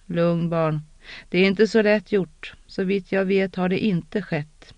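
A narrator voicing a calm, stern older woman mentor who speaks low and measured, in an audiobook reading on a dull, lo-fi recording. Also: no room sound, natural voice. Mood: hushed.

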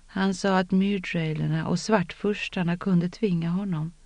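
A narrator voicing Egwene, soft and shaken. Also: medium pitch, steady tone, no echo, close to an everyday voice. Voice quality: soft, shaken, half-whispered. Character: frightened young woman. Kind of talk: audiobook character reading.

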